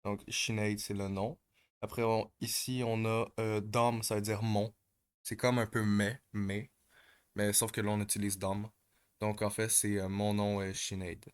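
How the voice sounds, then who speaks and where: Guy talking really slow, kinda low voice, lots of pauses n umms while he explains his language homework. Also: little pitch movement, smooth. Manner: hesitant, many pauses and fillers. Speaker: language learner explaining exercises. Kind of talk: casual step-by-step explanation.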